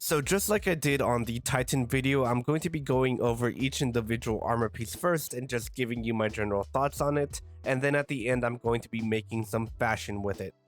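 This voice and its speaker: A man's voice: mid-range voice, a little fast, hardly any pauses, faint music behind. Congested man reviewing gaming gear. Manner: relaxed, rambling with fillers. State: congested from a cold. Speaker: gaming video creator. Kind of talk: casual gear review voice-over.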